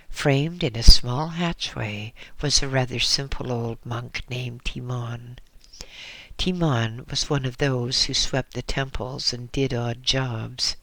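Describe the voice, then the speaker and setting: A man narrating a first-person memoir as an audiobook, in a measured, dramatic way. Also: medium pitch, fairly bright tone, no echo. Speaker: audiobook reader.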